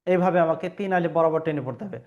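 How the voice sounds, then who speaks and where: A man's voice: a little high, very fast, darkish tone. A man teaching Arabic letter pronunciation in an online lesson, patiently explaining and drawing out each letter sound, with frequent hesitations. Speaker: Quran reading teacher. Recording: dull lo-fi recording.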